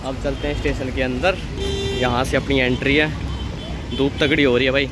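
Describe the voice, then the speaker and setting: A man's voice: mid-range voice, level tone, brisk. Chatty man vlogging on a noisy train. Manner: chatty, addresses viewers as brother. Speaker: travel vlogger. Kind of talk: casual travel vlog. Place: train station platforms and inside a moving train. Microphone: handheld phone at arm's length. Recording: loud train and station noise.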